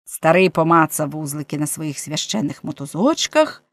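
A woman narrating an adventure audiobook with an expressive, varied reading. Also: deep voice, moderate pace, dry recording.

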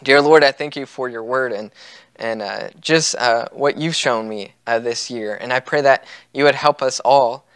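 A man's voice: medium pitch, normal speed, fairly bright tone, smooth, no room sound. A young man preaching a sermon from a church pulpit, earnest and conversational, with frequent fillers and restarts. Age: young adult. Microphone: pulpit microphone.

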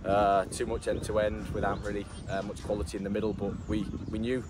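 Man, football manager, post-match interview, lowish voice, loud street noise behind. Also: little pitch movement. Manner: measured, frequent "obviously" and restarts. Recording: loud outdoor noise with traffic.

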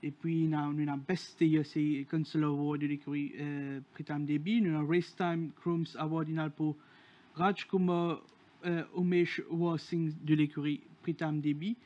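A man's voice: on the high side, flat delivery, moderate pace, darkish tone, lo-fi sound. A man co-hosting a racing show, reading out award winners with many hesitations. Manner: hesitant, many fillers while reading a list. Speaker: horse racing show co-host.

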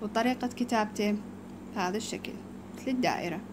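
A woman teacher, giving a slow alphabet lesson to young children and repeating each word before explaining it. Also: mid-range voice, slight background noise. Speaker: primary school teacher.

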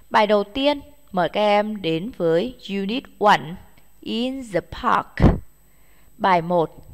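A woman teaching English to young children in slow, patient steps, with a Vietnamese accent, saying each word twice. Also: mid-range voice, long reverb tail.

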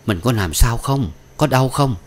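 A man's voice: mid-range voice, expressive, measured pace, voice pushed up, lightly acted. A man reading an audiobook, voicing a blunt, hot-headed young laborer close to his own voice.

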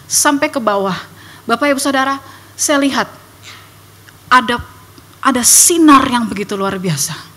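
Animated young woman giving church testimony. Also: on the high side, a little slow, pauses often. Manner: animated storytelling, acts out voices and sound effects. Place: church hall.

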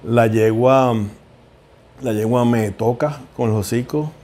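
Middle-aged man, horse vet, interview anecdotes; mellow, warm tone, heartfelt, stumbling repeats. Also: medium pitch, slow pace. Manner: heartfelt, repeats words as he searches for them. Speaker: equine veterinarian. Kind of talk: emotional interview storytelling.

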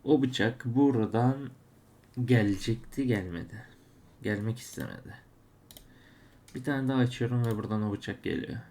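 A man's voice: fairly low pitch, moderate pace, long pauses, darkish tone. Exasperated man commenting on his own gameplay. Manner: frustrated, exclaiming at losses. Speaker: case-opening streamer. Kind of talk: live commentary while opening cases.

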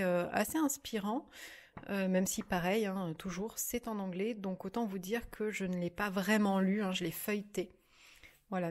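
A woman's voice: mid-range voice, a little mellow. A woman in her thirties chatting casually at home, hesitant, with many fillers and restarts. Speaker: vlogger reviewing books. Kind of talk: casual chat.

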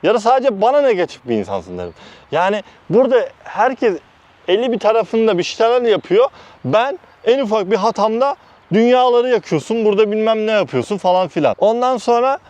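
Brief: man from Turkey, vlog storyteller, high voice that swings widely, blunt and heated retelling. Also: a little fast, highs cut off. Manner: heated, animated retelling with constant "dedim" between quoted phrases; blunt, uses mild swearing. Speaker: vlogger recounting work experiences. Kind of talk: casual storytelling.

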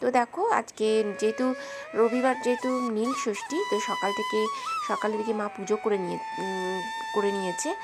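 A woman's voice: fairly high pitch, animated, fairly quick. Chatty young woman vlogger, music behind. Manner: chatty, addresses viewers as friends. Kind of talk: casual vlog chat.

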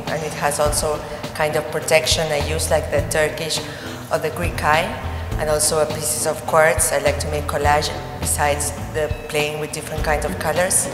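Low, flat-voiced woman with Argentine accent. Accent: Argentine Spanish. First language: Spanish. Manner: halting, searching for words. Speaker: artist. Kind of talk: explaining her artworks. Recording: roomy gallery echo with music.

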